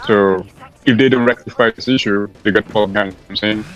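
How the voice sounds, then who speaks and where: A man's voice: fairly low pitch, steady tone, quick pace, lo-fi sound. A man streamer talking casually in a group discussion, rambling with lots of fillers and restarts. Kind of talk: casual chat.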